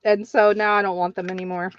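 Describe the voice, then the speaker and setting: A woman's voice: medium pitch, level tone, quick pace, dull audio. A woman hosting a live craft sale stream, chatting casually with viewers and laughing often.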